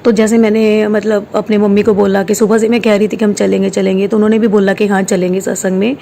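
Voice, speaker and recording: Soft-voiced woman. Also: medium pitch, little pitch movement, fast talker, vocal fry, a little hiss or hum. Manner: hesitant, many fillers, mixes in English words. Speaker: devotional storyteller sharing a personal experience. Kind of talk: casual spiritual testimony. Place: quiet room at home.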